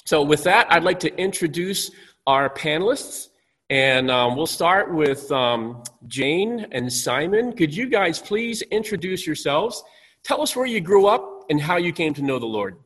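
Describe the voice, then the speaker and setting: Speaking unhurriedly but with great animation, the pastor has a fairly high, fairly bright voice with a slightly rough edge. He hosts a church panel from the stage in a loose style, stumbling into fillers and restarts. Listeners are far away, and long hall reverb fills the sound.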